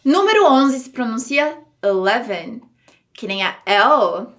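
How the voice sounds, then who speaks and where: A young woman teaching English numbers, explaining in a lively way and repeating example words. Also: a little high, takes it slowly. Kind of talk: language lesson for Portuguese speakers.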